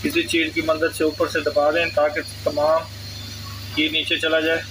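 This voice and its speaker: A man's voice: on the high side, completely flat delivery, normal speed, background noise. A man hosts a cooking channel and explains a recipe step by step. He speaks to his viewers as friends. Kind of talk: cooking tutorial. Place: home kitchen.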